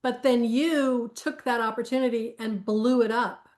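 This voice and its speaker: Woman interview host; high, bright-pitched, supportive and conversational. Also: steady tone. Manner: warm, affirming, quick to summarize. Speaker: podcast host.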